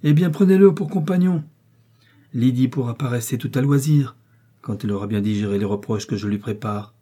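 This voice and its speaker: Haughty prince read by a man, cold and sarcastic, dark husky tone, audiobook. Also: fairly low pitch, level tone, fairly quick. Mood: commanding. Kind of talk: audiobook character reading.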